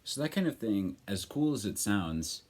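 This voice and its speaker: A man with a low voice talks through a vocal lesson like a casual coach. He rambles informally and leans on words for emphasis. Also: big pitch swings, normal speed, darkish tone. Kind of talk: casual spoken tutorial.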